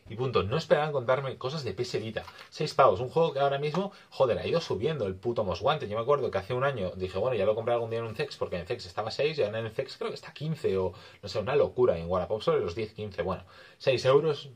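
A man with an accent from Spain, chatting excitably and swearing casually as he shows off his video game finds. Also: medium pitch, fast, husky. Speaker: video game collector vlogger. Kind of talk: casual vlog chat.

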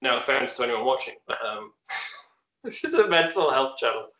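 A man's voice: mid-range voice, sing-song, moderate pace, sharp tone. A man with a Northern English accent from Hull, hosting a casual conversation in a rambling, hesitant way and laughing at himself. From Hull, North of England. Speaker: host. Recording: roomy echoey recording.

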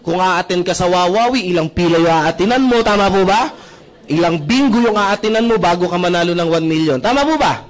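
A man's voice: high-pitched, a little fast. A man from the Philippines giving a testimonial seminar talk, telling a story and often asking the audience for agreement. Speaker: presenter.

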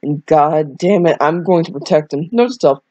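Warm and low with lively intonation, this young woman speaks at normal speed in a dry, muffled lo-fi recording made while she lies down at home sick. Reading fanfiction aloud for YouTube as an amateur, she rambles and mumbles, adding blunt, slangy, sweary, self-deprecating asides.

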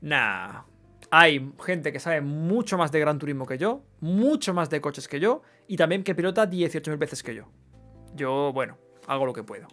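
A man's voice: on the high side, expressive, moderate pace, bright, forceful tone, faint music behind. Chatty streamer man. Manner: chatty, swears casually, reads chat aloud. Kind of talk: casual live gameplay chat.

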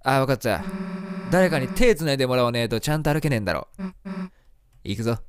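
A man voicing a tough, rude monster schoolgirl who talks in a gruff, threatening way while reading game dialogue. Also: mid-range voice, lively intonation, fast talker, pitched below the performer's own voice, close to an everyday voice. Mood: menacing. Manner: gruff, threatening, coarse speech. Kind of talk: voicing game dialogue during a let's play.

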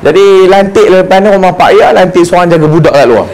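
A man giving a lively, joking religious lecture and acting out the voices he quotes. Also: high voice, fairly quick, a crowd in the background. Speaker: religious teacher. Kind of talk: humorous mosque lecture.

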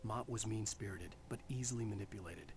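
An actor voicing a male writer hero in a video game, narrating calmly and dryly. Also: lowish voice, fairly quick, noisy background, natural voice. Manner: calm, dry narration.

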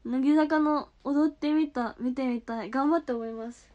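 A woman's voice: sits high, normal speed, a little mellow, muffled recording. A young woman streaming live from home, chatting casually and giggling as she reacts to viewer comments on her phone.

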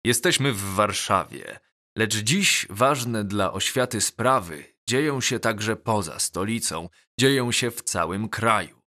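A man reads a bull-like headmaster addressing the school in an audiobook. The speech is formal and official, unhurried and low, with a bright, firm edge. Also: lively intonation, exaggerated voice.

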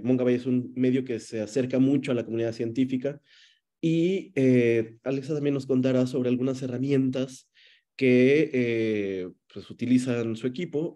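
A man in his forties hosting an online journalism workshop from a room at home, speaking in a measured way with many hesitations. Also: mid-range voice, warm tone. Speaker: workshop moderator. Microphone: video call.

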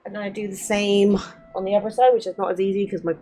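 A woman in her twenties streams a game from a small bedroom gaming setup, chatting casually and candidly and reading dialogue aloud into a close desk mic. Her mid-range, mellow voice stays level and moves fast. Game music plays behind her, with slight background noise.

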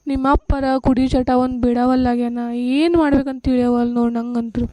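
A woman's voice: on the high side, flat delivery, fairly quick, warm tone, no echo, close to an everyday voice. A woman voicing a worn-out village mother with a North Karnataka Kannada accent, pleading and scolding about her drinking husband in a cartoon. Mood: worried. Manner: pleading, scolding, weary complaint. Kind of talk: cartoon voice acting.

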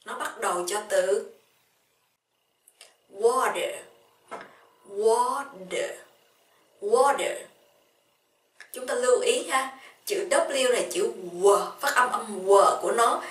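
A woman with a Vietnamese accent teaching English letters, repeating each word slowly and drawing it out. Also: fairly high pitch, lively intonation, roomy sound, distant mic. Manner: slow, drawn-out repetition of each letter and word. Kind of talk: slow spoken English lesson.

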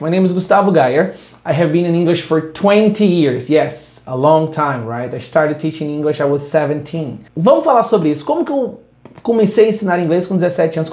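A man's voice: fairly high pitch, animated, moderate pace, darkish tone, echoey room. A man teaching an English lesson, moving between English and Portuguese in an upbeat, direct way. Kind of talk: video lesson.

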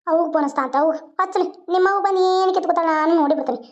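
A bitter, sharp-tongued mother-in-law from a village cartoon, as a woman puts her on, scolding and taunting in a very high, quick voice. She, and the recording is dull and lo-fi.

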